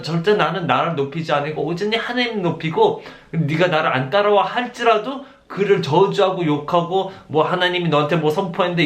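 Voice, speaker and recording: A man's voice: a little high, fairly bright tone. A man preaching a conversational sermon, often asking his listeners for agreement and acting out the words of harsh pastors. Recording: roomy echo.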